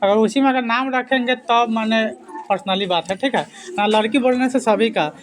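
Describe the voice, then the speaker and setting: In a very high-pitched voice at normal speed, a man teaches grammar for exam prep. He drills his listeners, asking the same questions over and over before supplying the answers himself.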